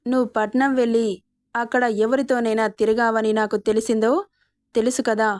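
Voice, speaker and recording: Menacing young male villain, taunting and cruel, voiced by a woman narrator; flat, higher delivery, dry sound. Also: a little fast, no room sound, close to an everyday voice. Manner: threatening, taunting.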